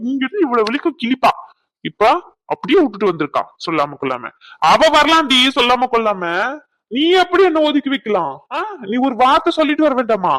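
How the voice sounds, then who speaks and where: A sarcastic, hot-headed young cousin, voiced by a man, scolding and mocking in a cartoon skit. His voice sits high and swings widely, with a bright, forceful edge. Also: no room sound.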